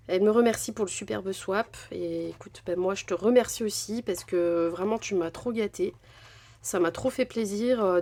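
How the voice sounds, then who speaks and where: A woman's voice: mid-range voice, darkish tone. Woman vlogger, casual unboxing chat, effusive, lots of fillers. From France. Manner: chatty, gushing, many fillers. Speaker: crafting vlogger.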